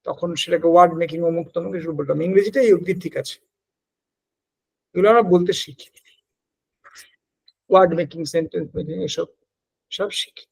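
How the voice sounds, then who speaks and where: A man's voice: on the high side, gravelly. A male teacher giving an exam-prep lecture, explaining step by step, dropping in English terms and checking that his students follow.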